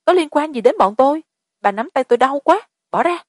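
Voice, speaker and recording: A woman doing a shrill scared young woman. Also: fairly quick, no echo, studio quality, close to an everyday voice. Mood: alarmed.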